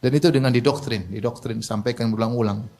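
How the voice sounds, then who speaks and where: A man preaching a sermon in a lively, joking way, asking the audience questions and laughing at his own remarks. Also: medium pitch, quick pace, creaky. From Indonesia.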